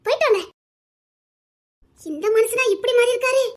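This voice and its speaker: A woman with a Tirunelveli Tamil accent, voicing a kind female police constable in an animated story who speaks in a reassuring, obliging way. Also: extremely high pitch, normal speed.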